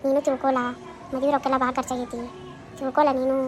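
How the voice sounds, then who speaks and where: Woman doing a fussy north karnataka kannada mom, high and fast, lectures nonstop. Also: flat delivery, close to an everyday voice. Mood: advising. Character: worried, scolding middle-aged mother. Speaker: skit actor. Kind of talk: comedy skit acting.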